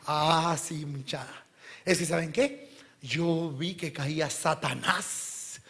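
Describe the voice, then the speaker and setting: A man acting out a male teacher in a relaxed, chuckling way as he praises his followers. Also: fairly high pitch, slow, gravelly, heavily acted. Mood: amused. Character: amused, proud male teacher praising disciples.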